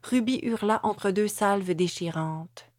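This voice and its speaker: A woman with a Québécois accent reads scripted audiobook narration at a measured, dramatic pace. Her voice sits in a middle pitch. The recording is dry and close, with no room sound. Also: no echo.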